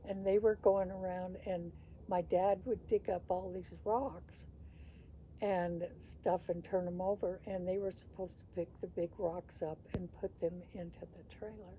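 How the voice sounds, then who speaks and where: A sweet old lady shares memories in a casual, rambling and folksy way. Her voice is very soft-edged and dark, and she takes her time as she talks. There is slight noise behind her in what sounds like a simple home recording. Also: on the low side, steady tone, unhurried, low-quality recording. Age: older. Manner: chuckles often while talking. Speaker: grandmother telling family stories. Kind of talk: casual reminiscence.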